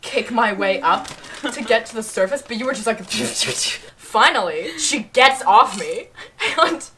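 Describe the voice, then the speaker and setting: A woman's voice: a little high, expressive, measured pace, noisy background. A young woman hosting a casual chat with her sister, telling a shared childhood story in a teasing, chatty way with lots of "like". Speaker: vlogger, channel host.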